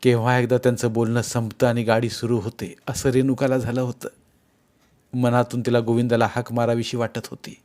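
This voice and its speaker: A man reading a novel aloud in steady, measured storytelling narration. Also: medium pitch. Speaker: audiobook narrator.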